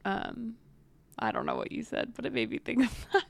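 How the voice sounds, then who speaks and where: Animated woman podcast co-host storyteller. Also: fairly high pitch, normal speed, gravelly, dry recording. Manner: animated storyteller, breaks into loud chants. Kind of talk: casual storytelling chat.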